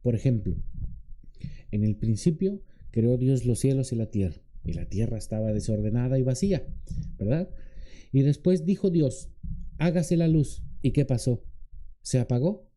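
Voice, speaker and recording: A man's voice: expressive, normal speed, dark tone. A man serving as a deacon, preaching a conversational sermon that often turns to questions for the congregation and acts out quoted lines in a raised voice. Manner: acts out quoted pleading in a higher voice.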